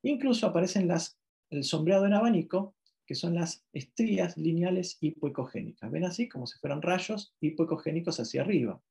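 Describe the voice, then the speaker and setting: A man's voice: fairly high pitch, lively intonation, fairly quick, gravelly, mellow. A man from Argentina giving a medical ultrasound lecture, explaining step by step with frequent checking questions and self-corrections.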